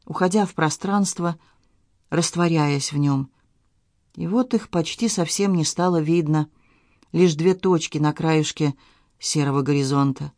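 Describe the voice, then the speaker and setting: A woman narrating an audiobook in a measured, expressive literary reading style, recorded in a studio. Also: lowish voice, dry recording.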